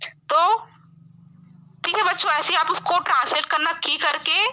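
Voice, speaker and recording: A young woman English teacher giving a classroom grammar lesson, explaining slowly and often checking with "है ना?". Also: extremely high pitch, sharp tone, a little hiss or hum. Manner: explains slowly, keeps asking "है ना?". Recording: dull lo-fi sound.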